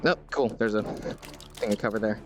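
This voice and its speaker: A man hosting a gaming video in casual let's-play commentary, rambling and self-mocking, reacting aloud to the game and to chat, and breaking into high, panicked yelps when under fire. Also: normal speed, over music.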